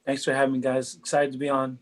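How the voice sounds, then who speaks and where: A middle-aged man from Hawaii, a football coach, talks through his answers in an interview. His voice sits at an ordinary pitch, and his manner is earnest and reflective, repeating words as he gathers his thoughts. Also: completely flat delivery, fast talker. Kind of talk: interview answers, casual chat.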